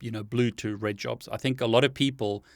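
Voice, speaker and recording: Male interview host, middle pitch, dry close recording, friendly question style. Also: fairly even intonation, a little fast, dry recording. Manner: friendly, asks questions with light laughter. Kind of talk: casual interview.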